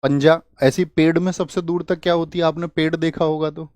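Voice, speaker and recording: A man's voice: fairly high pitch, little pitch movement, fairly quick, darkish tone, dry recording. Hindi-speaking male coaching teacher, dry close sound. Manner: asks the class questions and answers them himself, repeats key words. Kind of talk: online lecture with memory tricks.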